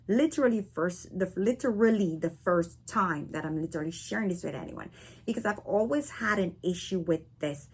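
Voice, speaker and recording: A woman's voice: on the low side, animated, normal speed, darkish tone, slight background noise. A woman from Barbados with a Barbadian accent, talking casually to camera as a vlogger and checking in often with "right?" and "okay?". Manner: chatty, frequent "right?" and "okay?" tags. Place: living in North America.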